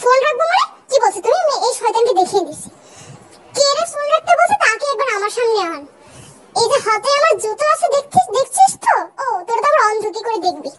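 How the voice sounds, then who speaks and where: A hot-tempered young ex-girlfriend, played by a woman in a comic fan dub. Her very high voice throws out rude threats and insults. A faint hiss runs under it. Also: sing-song, fast talker, fairly bright tone, heavily acted. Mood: furious.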